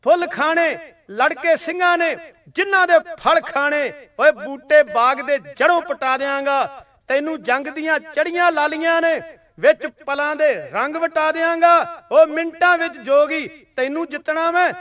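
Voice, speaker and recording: A man's voice: extremely high pitch, unhurried, bright, forceful tone, recorded from a distance, full character voice. A man voicing a furious enemy general who makes boastful threats in verse.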